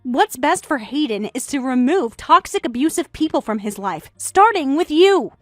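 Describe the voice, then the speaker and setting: A woman's voice: sits high, animated, moderate pace, no room sound, studio quality, faint music behind. A woman narrating a text-message story in a synthetic text-to-speech voice, scolding and indignant.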